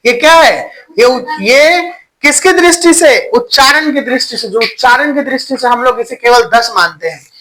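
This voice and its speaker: A man's voice: extremely high pitch, animated, normal speed, bright, forceful tone, a little hiss or hum, rough recording. A man teaching a Hindi grammar class online. He asks the students questions, answers them himself, repeats key points and mixes in English words. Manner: stretches vowels while demonstrating sounds.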